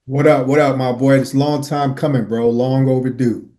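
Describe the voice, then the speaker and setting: A man in his forties, originally from Miami, talking through his life story as a podcast guest. His manner is earnest and casual, peppered with slang and tag questions, and his voice is at a medium pitch. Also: flat delivery, normal speed, mellow. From Miami, Florida. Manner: earnest, slangy, lots of "uh" and "right?". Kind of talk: storytelling in an interview.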